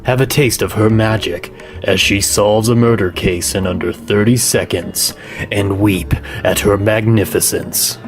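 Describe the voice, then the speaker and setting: Underground radio host acted by a man: lowish pitch, theatrical announcer showmanship, flippant and darkly comic. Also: steady tone, a little slow, over music, lightly acted. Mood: dramatic announcing. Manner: grandiose, sardonic showmanship. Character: flippant, manic male underground radio host, gleefully morbid. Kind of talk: theatrical radio hosting and mock ad narration.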